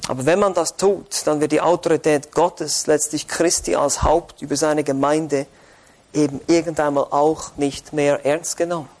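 A man's voice: fairly high pitch, fairly even intonation, normal speed, a little mellow. A man preaching an expository sermon in church, fervent and rising to urgent exhortation.

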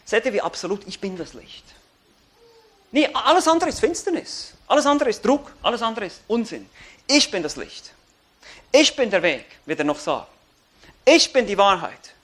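A male pastor preaching a sermon, swinging from loud emphatic declarations to quiet, earnest appeals to the congregation. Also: high voice. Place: church.

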